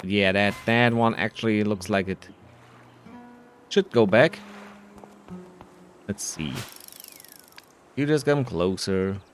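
Over soft background music, a man with a fairly low voice narrates a video game playthrough casually and playfully. He often talks to himself, drawing out his musings.

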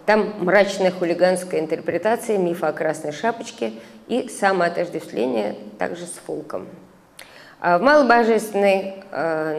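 A middle-aged woman, a translator and conference speaker, reads an academic paper aloud at a lectern's stand microphone indoors in a conference hall. Her medium-pitched, darkish voice is measured, with hesitant fillers and recited verse. The hall is reverberant with faint background noise.

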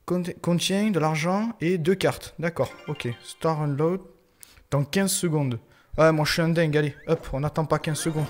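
Hesitant French-speaking gaming vlogger man. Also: a little high. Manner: hesitant, many fillers and restarts, excitable outbursts. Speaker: gaming YouTuber. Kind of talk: casual gameplay commentary.

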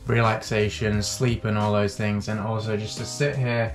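A man in his thirties chatting casually and quietly to a handheld camera while sitting in a small wooden sauna. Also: normal speed, over music. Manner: relaxed, low-key, sitting still. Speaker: vlogger. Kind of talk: casual vlog chat. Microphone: action camera at arm's length.

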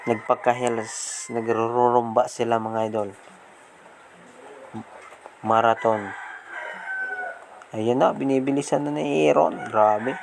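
A man with a slight lisp from missing front teeth, giving excited casual commentary as a vlog host outdoors. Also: medium pitch, slow pace, gravelly, pauses often. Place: outdoors on a rural road, partly riding a motorbike. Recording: outdoor noise, passing motorbikes.

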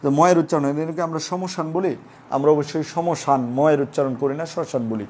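A man's voice: fairly high pitch, fairly even intonation, rapid-fire, a little mellow. A man with a Bangladeshi Bengali accent teaches a live online class in a slightly raised voice. He works through each point patiently, repeating examples and addressing his students as friends. A faint hiss sits under the recording.

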